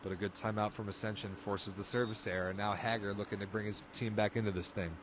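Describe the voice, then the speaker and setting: A man's voice: fairly low pitch, fast, noisy background. A man calling a volleyball match live, play-by-play, his voice jumping up on big plays. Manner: excitable, voice jumps up on big plays. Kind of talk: live sports commentary.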